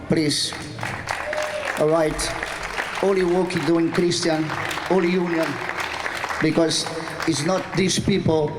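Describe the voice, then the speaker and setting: An older man from Portugal, a shop steward, giving an impassioned rally speech in broken English and Spanish, rising to shouts. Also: a little high. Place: outdoor rally with a crowd. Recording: echoey outdoor PA with crowd noise.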